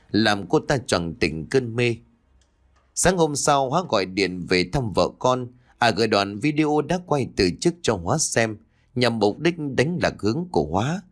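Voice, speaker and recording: A man narrating a ghost story in a lively storytelling manner, switching voices for the quarrelling characters. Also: mid-range voice. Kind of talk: storytelling narration with acted dialogue.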